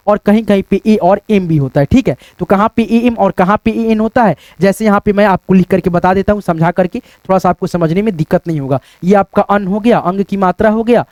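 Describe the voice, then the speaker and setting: High-voiced man teaching, very dry sound. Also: darkish tone, no room sound. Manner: repeats "friends" and tag questions, spells out letters slowly. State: sweating. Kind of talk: whiteboard lesson.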